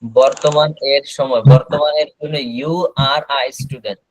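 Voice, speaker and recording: A man teaching an online class, explaining slowly and repeating words over a video call. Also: a little high, steady tone, low-quality recording. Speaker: English teacher.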